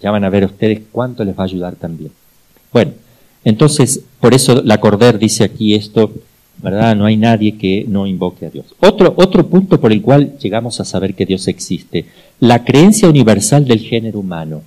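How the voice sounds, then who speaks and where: Middle-aged Argentine male priest, mellow timbre, lively storyteller who repeats for emphasis. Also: fairly low pitch, normal speed, low-quality recording. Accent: Argentine Spanish. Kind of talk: teaching talk with personal anecdotes.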